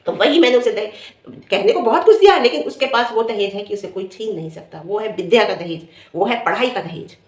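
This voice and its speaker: A woman's voice: medium pitch, lively intonation, fairly quick, hardly any pauses, a little mellow. A middle-aged woman vlogger who scolds and taunts a rival directly in a confrontational rant. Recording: echoey room.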